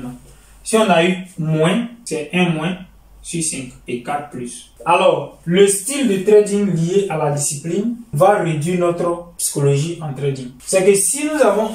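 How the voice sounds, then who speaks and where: Male trading instructor, higher voice, explains patiently; echoey, mic far off. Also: a little mellow. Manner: explanatory, repeats phrases, addresses "chers amis". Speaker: trading teacher. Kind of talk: lecture over charts. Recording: roomy, distant mic.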